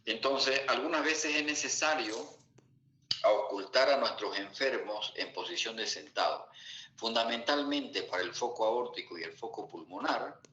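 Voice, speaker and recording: Male medical lecturer, bright low voice, lo-fi echoey classroom recording. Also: expressive, moderate pace. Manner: asks students rhetorical check-in questions. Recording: echoey room, dull lo-fi sound.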